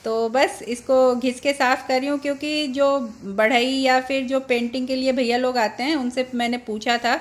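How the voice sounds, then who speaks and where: A woman's voice: high-pitched, steady tone, normal speed, hardly any pauses. A woman in her thirties vlogging about her housework in a casual, chatty way, explaining each chore step by step. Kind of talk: casual home vlog narration.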